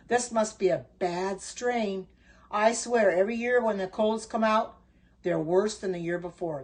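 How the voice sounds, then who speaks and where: Her voice is mid-range and slightly rough: an older woman baking on a live stream and chatting casually. She welcomes viewers by name, strays from topic to topic, and fills her talk with ums, restarts, and homespun expressions.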